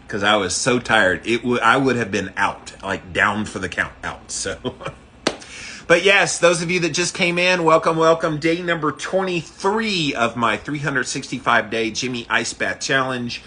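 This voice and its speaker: A man's voice: medium pitch, unhurried, bright, forceful tone. A man hosting a livestream, chatting casually and explaining things informally to his viewers. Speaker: livestream host doing a daily ice bath challenge. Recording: faint background noise.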